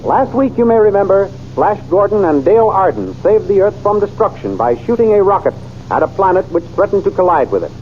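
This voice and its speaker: A man narrates an old radio adventure serial and reads its sponsor copy in a brisk, dramatic announcer style. His voice sits high with a sing-song lilt, and the muffled old radio transcription carries a little hiss or hum.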